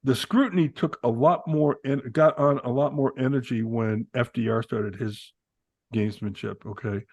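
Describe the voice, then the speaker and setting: A man co-hosting a casual political podcast, animated and joking as he reads old quotes aloud. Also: medium pitch, moderate pace, dry recording, highs cut off. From Italian-American. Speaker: podcast co-host. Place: Arizona.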